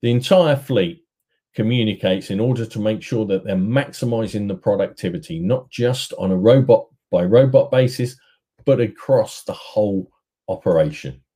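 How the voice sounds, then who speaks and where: A middle-aged man giving a steady, rehearsed sales presentation at an online conference, talking to his webcam from an indoor room. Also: fairly low pitch, moderate pace, husky. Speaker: business development manager.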